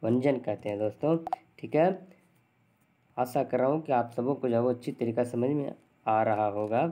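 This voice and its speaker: A man's voice: medium pitch, moderate pace, dark tone, a little hiss or hum. A man teaching grammar to exam students, asking questions and answering them himself, often repeating definitions. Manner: asks and answers his own questions; repeats definitions, says "thik hai" often. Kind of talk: Hindi grammar lesson.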